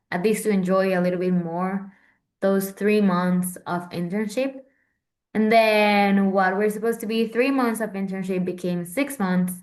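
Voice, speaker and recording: A young Central American woman in her 20s, a Vatican correspondent with a medium-pitched voice, chats in a casual, informal way, often using fillers and starting over.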